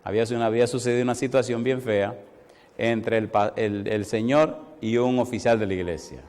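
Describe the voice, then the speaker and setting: A male pastor preaching and telling stories, moving between soft asides and loud exclamations. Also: medium pitch, steady tone, moderate pace, smooth. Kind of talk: sermon storytelling. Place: church hall. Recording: long reverb in a church hall.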